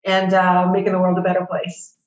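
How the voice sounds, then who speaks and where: A woman's voice: on the low side, monotone, fairly quick, reverberant, muffled recording. A woman in her forties, originally from Russia, with Russian as her first language, telling her story as a guest in a casual interview with a chatty, self-deprecating manner. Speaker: guest, PR agency owner.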